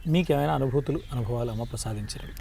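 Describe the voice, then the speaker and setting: A man interviews a guest in quick, formally phrased questions. He sits well back from the microphone. Faint background noise runs under his voice. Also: medium pitch, gravelly, dark tone, distant mic.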